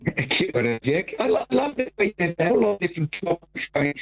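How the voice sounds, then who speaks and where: A man who is a regular gardening expert, chatting casually and quickly on a radio show. His voice comes through a garbled line that sounds like he is underwater. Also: high-pitched, very animated. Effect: garbled, underwater-sounding bad phone connection. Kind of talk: casual radio chat over a phone line. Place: at home. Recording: muffled tinny phone line.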